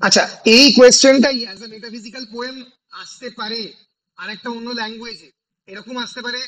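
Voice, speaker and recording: A male college English teacher with a Bengali accent, lecturing an online class and dictating exam questions in slow English phrases between Bengali explanations. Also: very high voice, steady tone, fairly bright tone, rough recording. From India.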